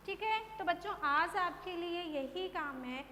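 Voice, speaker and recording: Woman teacher, high voice, unhurried lesson pace with long reverb around her. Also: pushed and bright. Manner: slow drawn-out drilling of words, then brisk explanation. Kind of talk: Hindi phonics lesson for children. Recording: echoey room, faint hum.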